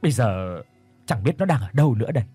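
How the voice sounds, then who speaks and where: A man's voice: mid-range voice, sing-song, fast talker, warm tone, slightly rough, no room sound, soft background music. A man voicing a worried middle-aged village man who answers hurriedly and deferentially.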